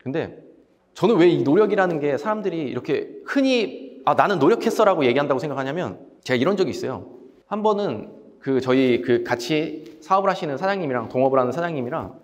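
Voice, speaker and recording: A man's voice: a little high, brisk, big-room sound. A man who coaches salespeople gives a motivational talk, telling stories animatedly and quoting his own blunt words. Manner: animated storytelling, quoting himself in blunt speech.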